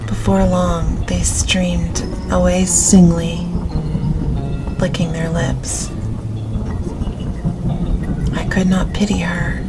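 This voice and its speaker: This audiobook narrator, a woman whose voice is slightly low, reads from a gothic novel with gentle, unhurried care, measuring out every phrase at a very slow pace. Music and ambience come through prominently underneath.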